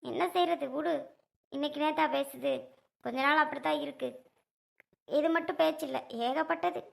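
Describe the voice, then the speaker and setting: Woman as a worn-out young wife, low and soft, gravelly edge. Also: steady tone, normal speed. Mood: weary. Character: weary young wife, unwell, placating.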